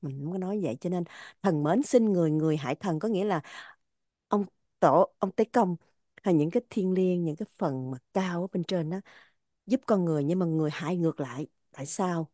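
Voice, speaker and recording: Woman with a mellow, dry voice. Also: lowish voice, fairly quick, dry recording. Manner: earnest, repetitive, stressing words. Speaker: religious teacher explaining poems. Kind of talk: explanatory spiritual talk.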